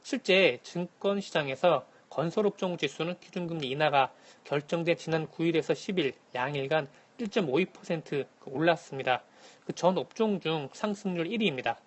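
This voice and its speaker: A man calling in to a radio show as a correspondent, giving a formal, scripted economic briefing in a measured manner. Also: on the high side. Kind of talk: scripted news briefing, answering by phone. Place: phone link to a radio programme.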